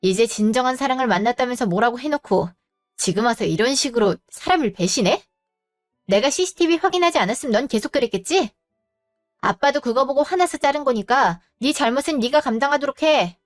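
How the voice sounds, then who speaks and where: A woman voicing a sharp young woman who scolds and cuts off her cheating partner, in a storybook drama. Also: sits high, animated, brisk, soft background music. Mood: scornful. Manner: scolding, cutting. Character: cold, sharp young woman boss's daughter.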